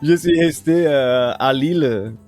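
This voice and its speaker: A man's voice: mid-range voice, slow pace, a little mellow. Hesitant Brazilian-born man, faint music. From northern Brazil. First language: Portuguese. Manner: hesitant, many fillers and restarts. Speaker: guest musician. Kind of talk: radio interview.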